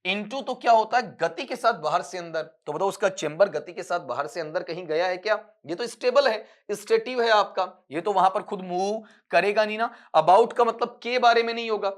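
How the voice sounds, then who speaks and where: Teacher with slightly high voice. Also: male voice, moderate pace, hardly any pauses. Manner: explains step by step, asks questions and answers them; addresses students as beta. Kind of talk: exam-prep lecture.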